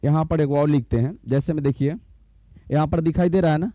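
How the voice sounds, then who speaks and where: Speaking fairly quickly in a fairly high, dark-toned voice, a man walks a class through a maths lesson as a slow blackboard explanation. He keeps repeating terms and asking if everyone has understood, captured in a dull, lo-fi recording with no echo.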